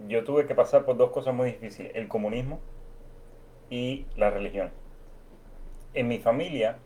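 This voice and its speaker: A man from Cuba talks through his own story as a casual interview guest on his channel. His voice is mellow and dark-toned, at an ordinary pitch. He is unhurried and reflective. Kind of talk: casual conversation.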